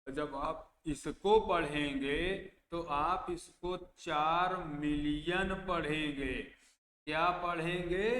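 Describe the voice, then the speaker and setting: A man's voice: a little high, fairly bright tone. A male math teacher, teaching an exam-prep lesson and repeating place values as he asks and answers his own questions. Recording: echoey room with long reverb, faint background noise.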